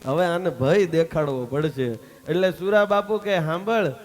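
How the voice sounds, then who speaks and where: A man's voice: on the high side, expressive, moderate pace. Man telling a sermon story. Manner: storytelling, acting out characters' dialogue. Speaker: swami giving a religious discourse.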